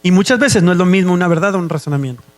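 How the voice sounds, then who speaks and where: A man's voice: sits high, very fast, dry recording. A man with a Mexican accent preaching a sermon as a guest, who often checks whether listeners follow him.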